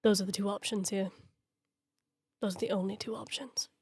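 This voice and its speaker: A woman voicing a hardened, bitter male clone soldier in a tabletop role-play, reaching for a gravelly voice that drops to whispers. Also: steady tone, measured pace, darkish tone. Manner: tries a gravelly low voice, slips into whispers.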